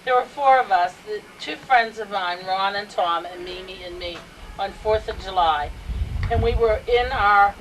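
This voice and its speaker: A woman's voice: medium pitch, normal speed, a bit bright, soft background music. An older woman telling funny stories at a family gathering and laughing as she goes. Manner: laughs through her stories. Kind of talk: casual anecdote telling. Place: house, indoors. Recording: home video, faint background noise, a little distant.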